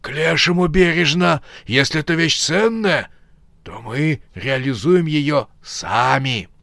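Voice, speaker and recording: A man's voice: a little high, lively intonation, slow, gravelly, sharp tone, no echo, clean studio sound, voice pushed up, full character voice. A man voicing a greedy, quarrelsome elderly male bandit in a storybook horror tale, his voice strained and raised.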